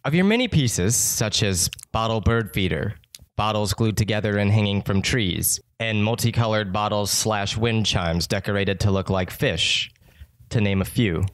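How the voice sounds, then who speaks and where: Deadpan guy hosting a radio bit, lowish voice, dry close sound. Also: unhurried, dry recording. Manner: deadpan, dry formal phrasing. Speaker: radio host. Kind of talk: deadpan comedic radio interview.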